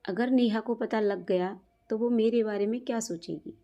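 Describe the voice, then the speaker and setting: An uneasy, principled young husband who speaks earnestly and pleads for limits, as a woman storyteller reads him. The voice stays mellow and warm, close to the reader's own. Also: fairly high pitch, normal speed, highs cut off, natural voice.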